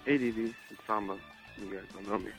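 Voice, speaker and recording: A man's voice: lowish voice, steady tone, fairly quick, creaky, music in the background. A man leaving a hesitant, mumbling voicemail as a caller, with the phone held away from his mouth so he sounds faint and distant. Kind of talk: rambling voicemail message.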